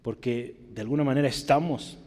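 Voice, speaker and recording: A man's voice: brisk, darkish tone. A man preaching a sermon in a church, often asking the congregation questions and adding "¿verdad?", his voice rising when he reads Scripture aloud. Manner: rises in pitch and volume when reading Scripture aloud. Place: church hall. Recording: long hall reverb.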